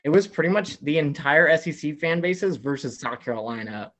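A man's voice: a little high, a little fast. A man guest on a casual talk show, telling a long story full of "like" fillers. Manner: rambling, many "like" fillers, animated retelling. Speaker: podcast guest.

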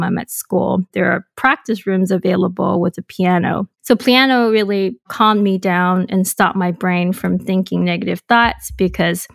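Chatting as a podcast guest, this young woman from Hong Kong reflects on her story with frequent ums, you-knows and small laughs. The voice is low-ish and creaky, captured cleanly in a studio with no echo.

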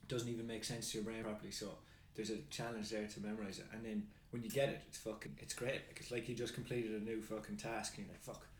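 A man's voice: lowish voice, little pitch movement, reverberant, a little hiss or hum. Sweary man in casual chat. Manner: sweary, rambling, quick bursts. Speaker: podcast co-host.

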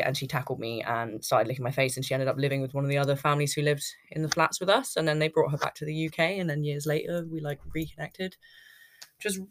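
A woman's voice: deep voice, fairly bright tone. A British woman in her thirties hosting a podcast, telling her own story in a casual, unscripted, rambling way. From United Kingdom. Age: 30s. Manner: rambling, chatty, self-interrupting. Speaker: podcast host.

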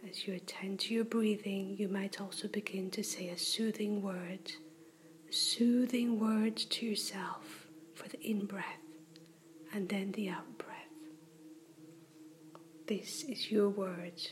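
A woman in a soft whisper, slowly and gently guiding a breathing meditation. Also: mid-range voice, steady tone, slight background noise. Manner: slow, gentle and soothing. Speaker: meditation guide.

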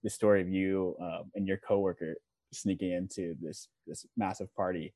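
A man's voice: sits low, steady tone, normal speed, warm tone, no room sound. A man hosting a podcast, joking with his guest and setting up a story. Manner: jokey, laughs easily. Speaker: podcast host. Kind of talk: casual podcast chat.

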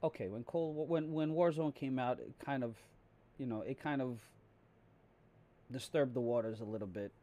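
A man co-hosting a casual gaming podcast who talks in a halting way, with many restarts and filler words. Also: medium pitch, dark tone. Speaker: podcast co-host.

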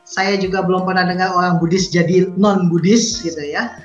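A male guest in a casual interview, explaining at an easy pace and often trailing off with soft tag words. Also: sits high, steady tone, moderate pace. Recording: roomy, dull sound with faint music.

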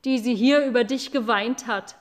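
A woman voicing an old, wise, furious female cow who bellows her threats loudly in a storybook reading. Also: on the high side, animated, takes it slowly.

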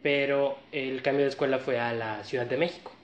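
A man with a northern Mexican accent telling a story in casual chat, relaxed and slangy, with many fillers. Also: medium pitch, a little fast. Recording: echoey room, slightly dull sound.

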